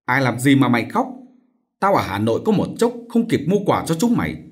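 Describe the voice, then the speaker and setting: A man's voice: medium pitch, huge pitch swings, brisk. A man voicing an irritable, self-important father who scolds his children. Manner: scolding, curt.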